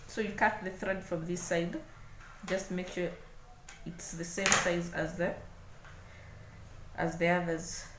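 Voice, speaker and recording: A woman's voice: lowish voice, steady tone, slow, long pauses. Kenyan-accented woman in an echoey room. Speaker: craft tutorial host. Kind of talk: hands-on demonstration, unscripted talk. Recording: echoey room, clear background noise.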